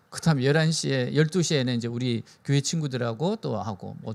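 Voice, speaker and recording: A man preaching a sermon as a pastor, animated and full of rhetorical questions to his listeners. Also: on the high side.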